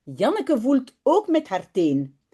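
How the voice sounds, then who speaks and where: A woman teacher speaks from her home office into a webcam mic. She reads a children's story slowly and carefully, with a lively, swooping melody. Her voice is warm and mellow, pitched a bit high. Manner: animated, friendly, slow and careful reading. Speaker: Dutch language teacher. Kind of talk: reading a children's story aloud and explaining it.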